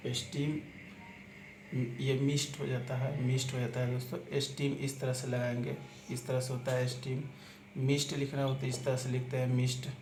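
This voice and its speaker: Man, shorthand teacher, step-by-step explaining, spells words out, monotone, roomy echo, noisy background. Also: mid-range voice, fairly quick. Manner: repetitive, step-by-step explaining, keeps saying "aapka". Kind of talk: spoken lesson walking through examples. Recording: echoey room with clear background noise.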